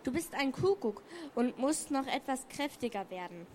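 A woman's voice: high voice, expressive, normal speed, a little mellow, a little hiss or hum. A woman reading a children's story aloud, taking turns with another reader.

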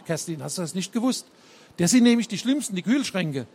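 Guy putting on a jumpy paranoid bomb maker, high and rambling, storybook reading. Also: sing-song, brisk, a little mellow, breathy edge, full character voice. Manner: frantic ranting.

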